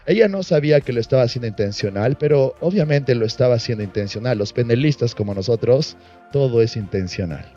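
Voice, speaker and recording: A man's voice: mid-range voice, lively intonation, quick pace, dark tone, dull audio, faint music behind. A man teaching a workshop, telling a story about a client and acting out both sides of the dialogue. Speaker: NLP trainer.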